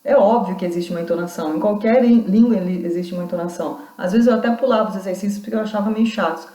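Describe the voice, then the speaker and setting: A woman's voice: mid-range voice, racing, dark tone, reverberant. A woman university lecturer giving a recorded class, explaining points step by step with frequent restarts. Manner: explanatory, reads out quoted accounts, many restarts.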